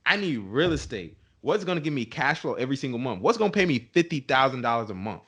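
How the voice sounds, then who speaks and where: A man's voice: mid-range voice, very animated, fast, a bit bright, breathy edge. Young guy on his soapbox, voice swings way up and down, keeps saying bro. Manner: emphatic, ranting, says "bro" often. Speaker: podcast co-host. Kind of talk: passionate podcast rant.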